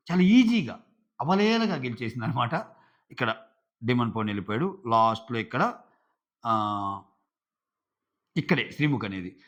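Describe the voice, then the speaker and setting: Male reviewer, casual rambling recap, mid-pitched voice, muffled lo-fi home recording. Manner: chatty, filler-heavy retelling. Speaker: show reviewer.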